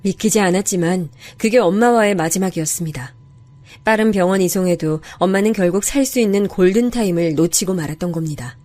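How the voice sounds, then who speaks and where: A woman narrating a dramatic family story in the first person, in a soft, steady storytelling voice. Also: fairly low pitch, a little fast.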